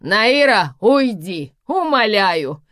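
A woman reading an audiobook, voicing a dramatic salon owner who cries out loud, shrill and pleading. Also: very animated, slow, no echo, studio quality. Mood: shrill, desperate. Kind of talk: audiobook character voice.

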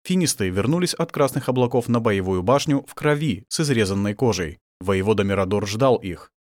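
A man narrating an audiobook in a dramatic, expressive reading. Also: lowish voice, a little fast, dry recording, studio quality. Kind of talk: scripted narration.

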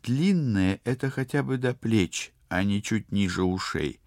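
A young woman on a spaceship crew, skeptical and quick to take offense, voiced by a man reading an audiobook. Her lines sit up high and come out emphatic. A faint gravel runs under the tone, and the recording is close and dry. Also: big pitch swings, a little mellow, no room sound. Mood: indignant. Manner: indignant, emphatic.

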